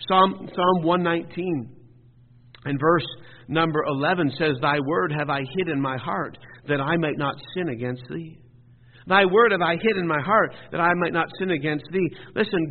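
A man preaching a sermon as pastor, urging his congregation with earnest, repeated exhortations that swell to emphatic peaks. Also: a little high. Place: church sanctuary. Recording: phone-like sound in a reverberant church hall.

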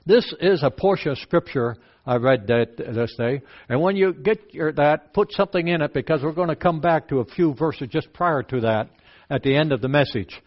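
Older Dutch-accented man preaching, slightly high voice, halting plain delivery, dull lo-fi recording. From Netherlands. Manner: plain, halting storytelling with many fillers. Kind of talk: sermon with personal testimony. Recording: dull lo-fi sound.

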